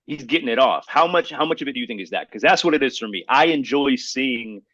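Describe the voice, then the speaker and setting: A man hosts a casual hip-hop podcast debate, speaking emphatically in slang and repeating himself for emphasis. His medium-pitched voice is expressive, quick and fairly bright, in a muffled recording with no room sound.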